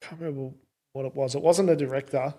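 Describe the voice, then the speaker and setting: A man's voice: medium pitch, fairly even intonation, quick pace, dark tone. A man with a broad Australian accent chatting casually, in a laid-back, colloquial and self-deprecating way. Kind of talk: casual car chat.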